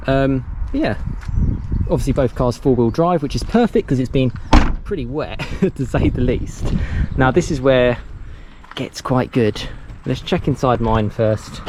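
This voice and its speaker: A man's voice: medium pitch, animated, a little slow, background noise. A young man giving a casual walkaround car review outdoors, chatty and loose, laughing between lines. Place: outdoors beside cars.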